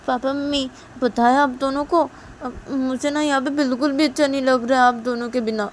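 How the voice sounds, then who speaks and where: A woman voicing an emotional young married woman who protests in a high, whiny voice, with traffic noise behind. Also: sing-song, unhurried, mellow. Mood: pouting.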